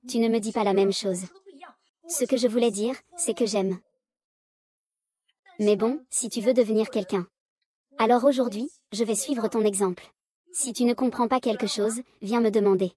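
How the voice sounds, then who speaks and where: A woman's voice: fairly high pitch, mellow. A woman reading the dialogue of a dubbed drama, voicing every part in the same unchanging voice. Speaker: voice-over reader of a drama recap.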